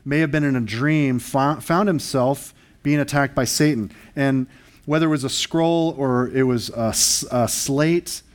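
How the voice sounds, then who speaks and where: A man's voice: mid-range voice, unhurried. A male pastor preaching a sermon, earnest and emphatic, asking the congregation rhetorical questions.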